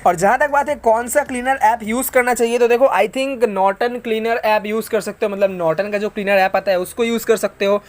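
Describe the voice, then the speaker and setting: With a steady, medium-pitched voice at normal speed and hardly any pauses, an Indian tech channel host works through viewer questions in a conversational way. He explains as he goes, uses English tech terminology, and refers to listeners as "bro" and "friends."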